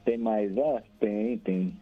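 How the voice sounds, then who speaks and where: Man, Brazilian accent, crackly phone line cutting out, husky, low voice, cheerful radio caller. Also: slow. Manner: cheerful and chatty, laughs often, reels off long lists of names. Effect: crackly phone line that keeps cutting out. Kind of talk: casual chat and shout-outs on air. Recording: tinny phone line with faint music.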